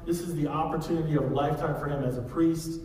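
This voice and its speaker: Thirties male pastor, slightly higher voice, casual sermon delivery, roomy faint hiss. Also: fairly even intonation, quick pace, darkish tone. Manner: conversational preaching, walks the stage gesturing. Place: large church sanctuary. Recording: echoey hall from far off.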